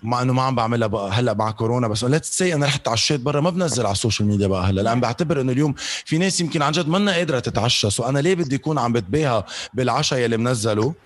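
A man's voice: medium pitch, rapid-fire. A Lebanese man in a casual interview, mixing Arabic with English phrases and often searching for the right word. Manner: searches for words mid-sentence. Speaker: interview guest, on-air programme presenter.

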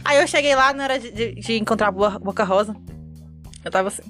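With soft music playing behind her, a young Mineira guest from Montes Claros in northern Minas Gerais speaks quickly at medium pitch. Her Mineiro Brazilian Portuguese storytelling is animated and self-dramatizing, as she acts out each person's lines in lively voices.

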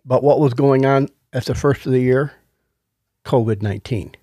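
A man's voice: medium pitch, normal speed, warm tone. Middle aged guy, no teeth so kinda lispy, folksy podcast chat, earnest, dry sound no echo. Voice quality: toothless, lisping speech after oral surgery. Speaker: podcast co-host. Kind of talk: casual conversational podcast testimony.

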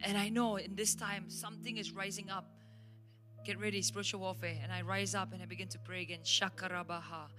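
Speaking quickly in a mid-range voice, a woman pastor with a Malaysian English accent delivers emphatic, lively stories during a church sermon. Soft instrumental worship music plays faintly underneath.

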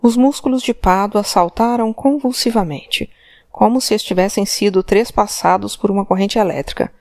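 A woman's voice: medium pitch, normal speed, darkish tone, dry recording. Woman narrating a crime novel, dry and close. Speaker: audiobook narrator. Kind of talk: scripted narration.

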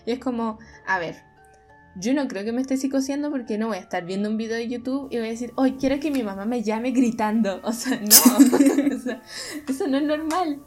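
Chatty and meandering, a young Chilean-accented podcast co-host spins a story full of fillers. She speaks fairly quickly in a high-leaning voice, with faint music in the background.

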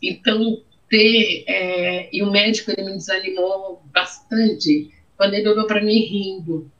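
A woman's voice: medium pitch, fairly even intonation, measured pace, fairly bright tone. A middle-aged woman with a Brazilian accent, telling her own story in an interview, emotional and repeating her phrases. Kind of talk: personal testimony in an interview. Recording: dull, muffled audio.

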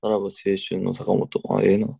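A young man with a Kansai accent talks casually on a radio show. His voice is on the low side with plenty of fry. He sounds groggy and hesitant, in a close, dry recording. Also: completely flat delivery, mellow, dry recording. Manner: hesitant, slow-witted, groggy. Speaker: radio show co-host, novice comedian.

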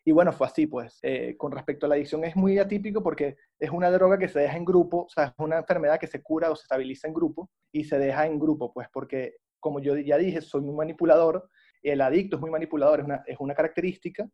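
A young Venezuelan man speaks quickly in a slightly high voice, telling his story in an animated way. The recording is dull and lo-fi. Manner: rapid, animated storytelling with fillers like ¿sabes? and ¿no?. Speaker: guest recounting addiction recovery. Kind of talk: conversational interview.

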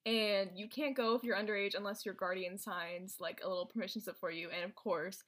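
A woman's voice: medium pitch, fairly even intonation, fairly quick, noisy background. Rambling woman recapping a film. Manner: rambling, many fillers and restarts. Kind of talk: casual chat.

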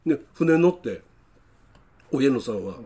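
Husky man with Ehime dialect, animated. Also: mid-range voice, unhurried. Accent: Ehime, Shikoku Japanese. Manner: argumentative, repeatedly objecting. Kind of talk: casual bantering chat.

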